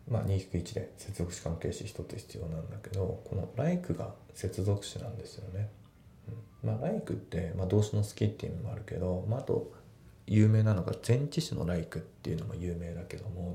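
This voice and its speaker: Low gravelly relaxed male teacher. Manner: relaxed, many fillers, slows for English examples. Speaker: English teacher. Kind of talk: casual spoken lesson. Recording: echoey room with faint rumble.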